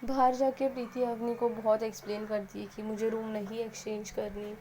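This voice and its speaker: A woman's voice: fairly high pitch, flat delivery, fairly quick, dark tone, slight background noise, rough recording. A young woman narrating a love story in casual speech, mixing in English words and acting out the characters' lines.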